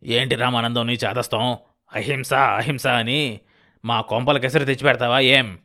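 A man's voice: medium pitch, fairly even intonation, moderate pace, pushed and bright. A man voicing a scheming, middle-aged male village president who scolds with contempt. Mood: contemptuous.

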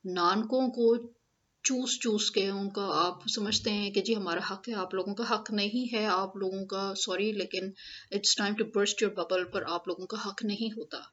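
Woman ranting fast, blunt and scolding, bit of a muffled lo-fi recording. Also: mid-range voice, steady tone, a bit bright. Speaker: speaker giving family advice. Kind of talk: opinionated monologue, switching between languages.

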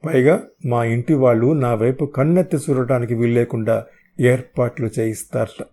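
A man reading the lines of a calm, practical young woman in a novel audiobook, in his own mellow voice. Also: mid-range voice, moderate pace, natural voice.

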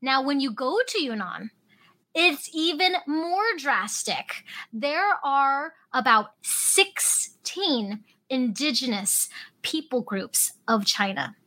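A woman podcast host with a high, bright voice talks casually and eagerly. She leans into words with lively emphasis as she tells stories to her listeners. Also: takes it slowly, poor audio. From Hong Kong, raised in Alaska. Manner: enthusiastic, storytelling, lively emphasis. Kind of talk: casual solo podcast talk.

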